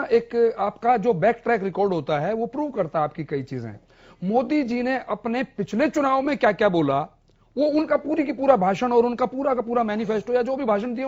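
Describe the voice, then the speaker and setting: A man's voice: extremely high pitch, a little mellow, muffled recording. A man speaking as a political analyst on a TV debate, emphatic and explaining with examples. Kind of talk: TV news debate.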